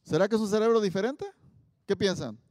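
High-voiced preacher in a hall. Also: male voice, fairly quick, studio quality. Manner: asks the audience many questions, loud emphatic Bible quotes. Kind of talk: sermon. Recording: long hall reverb.

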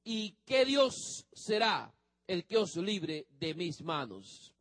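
Proud menacing king, read by a man, slow drawn-out threats, high voice, dry close sound. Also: very animated, a bit bright, dry recording, heavily acted. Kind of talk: dramatic scripture reading.

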